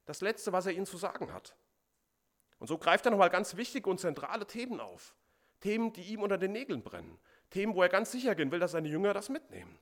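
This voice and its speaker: Guy giving a sermon, leans hard on key words, repeats them, kinda high voice. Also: big pitch swings, fast talker. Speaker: pastor.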